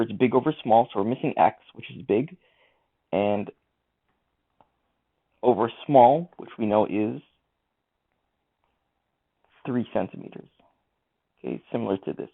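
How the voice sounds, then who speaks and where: Through a tinny, lo-fi mic, a man walks through a math problem step by step in a screen-recorded lesson. His mid-range voice has vocal fry and a breathy edge.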